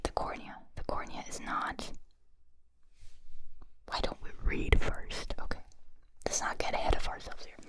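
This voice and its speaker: Whispering European woman, ASMR up close. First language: not English. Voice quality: breathy, unvoiced whisper. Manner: chatty, rambling, self-interrupting. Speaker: ASMR host. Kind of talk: whispered ASMR, reading and commenting on facts. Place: small indoor room set up as a studio. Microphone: pair of close studio condenser microphones.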